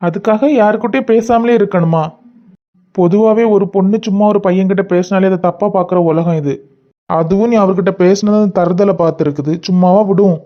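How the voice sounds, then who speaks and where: A soft-spoken young man in a cartoon, voiced by a performer coaxes and pleads in a mid-pitched voice with a Kanyakumari Tamil accent. The audio is a little dull and lo-fi. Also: a little fast, close to an everyday voice. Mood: soothing. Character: gentle young man, apologetic husband and caring brother. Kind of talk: cartoon voice acting.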